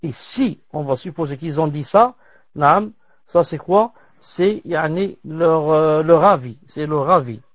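A man teaching as he reads aloud from a classical religious text, pausing to comment and dropping in Arabic religious terms. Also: on the high side, dry recording. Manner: measured reading with pauses and Arabic religious terms. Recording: dull lo-fi dry recording.

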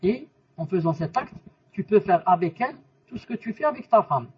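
A man's voice: high-pitched, expressive, fairly quick, husky. A man teaching a religious lesson, explaining by asking questions and repeating the answers, and mixing in Arabic terms and quotations. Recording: muffled voice from a distance.

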